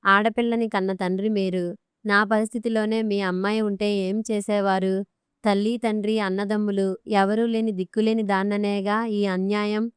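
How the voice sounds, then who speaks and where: A woman's voice: mid-range voice, level tone, moderate pace, smooth, no echo, clean studio sound, lightly acted. A woman reading the lines of a wronged young wife in her twenties, tearful and accusing.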